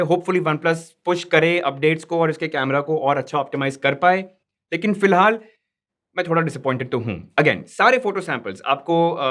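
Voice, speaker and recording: A man with a fairly high voice talks through a smartphone review in a relaxed, conversational way, slipping English words into his Hindi. Faint music plays under him. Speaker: tech reviewer.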